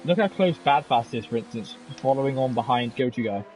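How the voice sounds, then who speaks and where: A man commentating on an online sim race, fast and animated, with chatty asides between calls. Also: medium pitch, slight background noise, low-quality recording.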